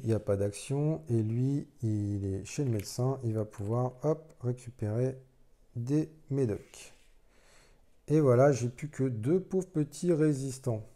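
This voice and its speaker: A man's voice: mid-range voice, gravelly, mellow. A man casually playing a solo board game, thinking aloud as he explains the rules, with self-deprecating asides.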